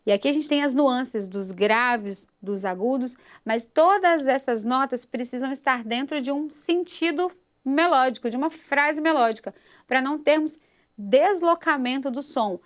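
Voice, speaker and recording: Slow, high-voiced woman teaching singing. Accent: Brazilian Portuguese. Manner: patient, explains slowly, checks in with "tudo bem?". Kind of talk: vocal lesson with sung examples.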